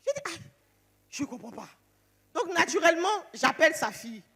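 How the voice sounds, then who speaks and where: A woman giving an emotional church testimony, animated, acting out the phone calls she tells about. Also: very high voice, moderate pace, creaky, in a large hall.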